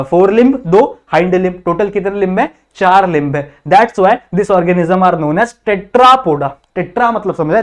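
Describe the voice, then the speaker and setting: A young man teaching a biology class, asking rhetorical questions and checking in constantly. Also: high voice. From India. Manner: repetitive, quizzing students with constant check-ins. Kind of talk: classroom lecture in Hindi-English mix.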